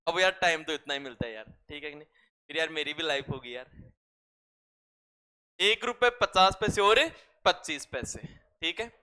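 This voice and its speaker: A man teaches a math class in a chatty way, full of jokes and asides to his students. His voice sits high and sounds bright and forceful. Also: animated, moderate pace, pauses often, smooth. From Rajasthan, India. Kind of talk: classroom lecture.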